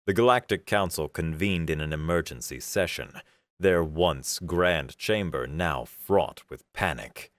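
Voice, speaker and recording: Male audiobook narrator, extremely deep voice, slow and expressive, dry close sound. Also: no echo.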